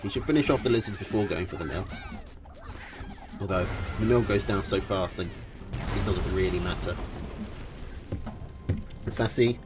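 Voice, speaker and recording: A man's voice: low voice, moderate pace, pauses often, noisy background. A man casting a live strategy game tournament, casual and analytical, thinking aloud with fillers. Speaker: tournament caster.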